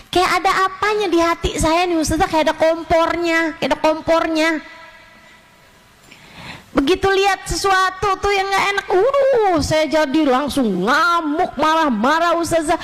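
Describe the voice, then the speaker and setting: Woman, preacher, high-pitched, animated religious lecture. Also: poor audio. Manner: animated, acts out congregants' complaints.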